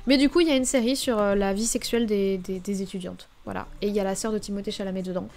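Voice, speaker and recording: A woman's voice: medium pitch, steady tone, fast talker, darkish tone, a little hiss or hum. A young woman streaming live, chatting casually and thinking aloud while she browses the week's releases.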